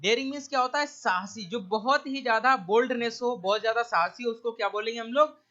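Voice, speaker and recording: A man teaching English vocabulary in an online exam-prep lecture, speaking with a Hindi accent and explaining each word slowly, checking in with his listeners again and again. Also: very high-pitched, sharp tone, highs cut off.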